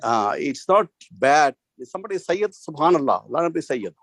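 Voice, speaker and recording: Fast-talking man with a Pakistani accent. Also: fairly high pitch, big pitch swings, fairly bright tone, no echo. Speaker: study session participant. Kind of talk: earnest discussion, mixing English and Urdu.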